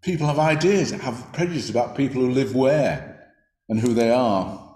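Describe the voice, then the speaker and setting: This sermon comes from a man with a warm tone and ordinary middle pitch, speaking at a moderate pace. He is reflective and conversational, sometimes restarting phrases, and a roomy echo surrounds his voice.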